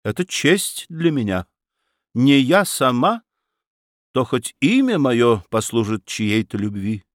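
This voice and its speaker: Casting: man reading a calm, gracious young lady, unhurried, dry sound. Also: medium pitch, no room sound. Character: composed young lady Maria. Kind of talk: audiobook character voice.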